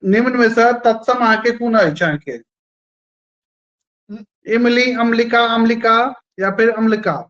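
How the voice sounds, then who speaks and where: A man's voice: very high-pitched, a little slow, pauses often, fairly bright tone, dull audio. A male teacher running a live online quiz class, repeating each question and its options and praising students by name.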